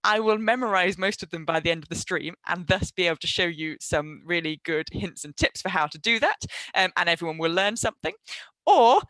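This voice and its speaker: Woman in her 30s, chatty co-host, bright crisp voice, dry close sound. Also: lowish voice, expressive, a little fast, no echo. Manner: chatty, laughs easily, repeats words when telling stories. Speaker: library livestream co-host. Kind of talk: casual chat.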